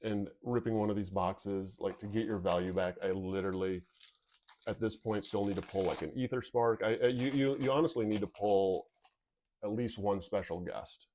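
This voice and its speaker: A man with a low voice chats casually as he opens card packs for viewers. His nose is sniffly and whistles as he talks. He rambles along candidly. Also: normal speed, dark tone, slight background noise. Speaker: video host. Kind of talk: casual card pack opening commentary.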